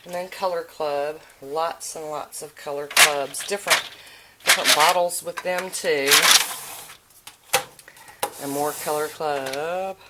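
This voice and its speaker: A woman's voice: sits low, steady tone, slow pace, pauses often. A woman giving a casual, informal video tour in a folksy way, recorded indoors at home on a handheld camera. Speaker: vlogger showing a nail polish collection. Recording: noisy home recording with clicks.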